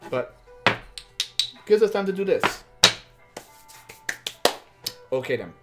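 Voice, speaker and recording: A craft streamer with a high, sing-song voice takes it slowly as he chats casually through a build-along, rambling with fillers and asides. Faint music plays in the background.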